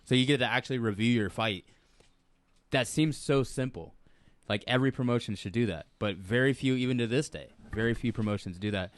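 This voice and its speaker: A man co-hosting a podcast, asking relaxed, rambling questions in a casual chat. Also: medium pitch, a little fast, dry recording. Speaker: podcast co-host, former fighter and coach.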